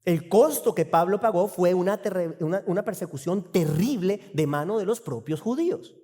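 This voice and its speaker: Male pastor, fairly high, mellow voice, church reverb; animated expository preaching with rhetorical questions. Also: moderate pace. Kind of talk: expository sermon.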